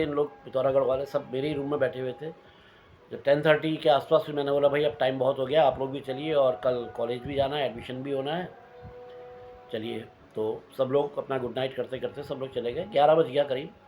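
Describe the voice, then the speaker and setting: A man from Uttarakhand recounting a personal ghost experience, animated and repeating phrases for suspense. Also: mid-range voice, a little hiss or hum. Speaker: storyteller.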